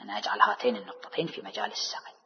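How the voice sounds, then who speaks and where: A man preaching a religious sermon, asking rhetorical questions and answering them himself, his voice rising and falling between soft and loud. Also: lowish voice, animated, rapid-fire. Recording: dull hall recording with long reverb.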